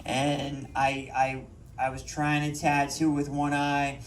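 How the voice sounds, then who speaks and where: On a comedy club stage, a man from Boston works through a rambling, self-deprecating set heavy with ums, his accent plain. He speaks slowly at medium pitch with a completely flat delivery, captured by a distant mic in a roomy space with slight background noise.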